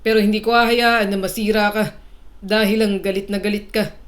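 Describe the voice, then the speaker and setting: A woman's voice: mid-range voice, flat delivery, lightly acted. Woman voicing a cold, stern rich father. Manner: cold, measured, slow. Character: stern cold wealthy father, older man.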